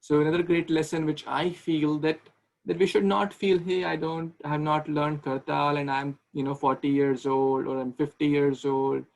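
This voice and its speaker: A man in his thirties leads an online devotional class from a small room over a webcam. His voice sits a little high with a gravelly edge, and he talks conversationally, restarting words and posing questions. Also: little pitch movement, moderate pace, rough recording. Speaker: speaker giving a class. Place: small room indoors with ceiling fan. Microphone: video call webcam.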